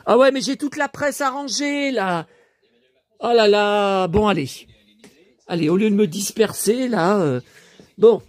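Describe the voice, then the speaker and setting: A man with a hoarse voice chatting casually to his viewers about his purchases, grumbling and addressing them directly. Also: high voice, unhurried, long pauses, dry recording. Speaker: collector vlogger showing his purchases.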